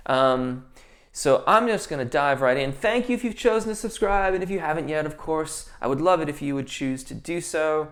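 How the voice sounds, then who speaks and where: A young voice teacher runs a casual live-stream Q&A, reading viewer comments and replying in technical singing terms, full of ums and restarted sentences. His voice is on the high side and fairly bright, animated, at a normal speed.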